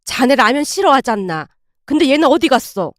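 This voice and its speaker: Woman voices a stern older mother-in-law, high and biting, loud rebukes. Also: big pitch swings, moderate pace, dry recording, clean studio sound. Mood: puzzled. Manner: sharp, scolding rebukes.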